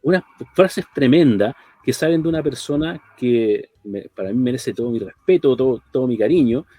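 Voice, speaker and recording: A man's voice: mid-range voice, lively intonation, normal speed, warm tone, breathy edge, dry recording. A man co-hosting a talk program, speaking reflectively and often ending phrases with a questioning tag. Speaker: radio program co-host.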